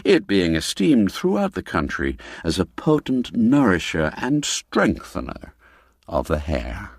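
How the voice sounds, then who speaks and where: The man telling this radio drama has a creaky voice with huge pitch swings, savouring antiquated phrasing in a theatrical, slow, deliberate delivery. It's dramatic audio-drama narration, captured as a dry, studio-quality recording.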